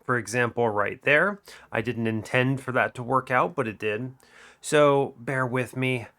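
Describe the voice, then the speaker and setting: A young man hosting a gaming channel talks through a card game while sick, rambling and correcting himself. His medium-pitched voice is muted, a bit nasal and a bit bright, a little slow, recorded on a desk microphone.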